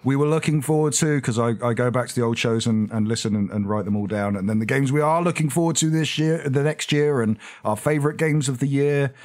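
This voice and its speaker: Male podcast co-host, medium pitch, informal chat among colleagues. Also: fairly quick, hardly any pauses, a little mellow. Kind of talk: casual chat.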